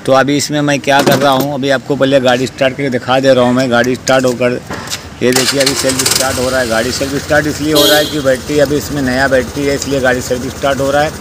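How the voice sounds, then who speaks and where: A male mechanic talks through a hands-on repair in a steady, even voice with little rise and fall. He explains things plainly and keeps circling back with fillers. It was recorded outdoors on a camera mic, with clear street and traffic noise behind him. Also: mid-range voice, fast talker. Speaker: motorcycle mechanic.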